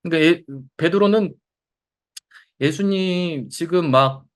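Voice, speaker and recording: A man giving a lively Bible lecture, asking the audience questions and acting out quotes. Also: on the high side, slow. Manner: animated, acts out quotes, asks the audience questions. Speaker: Bible lecturer at a counseling center.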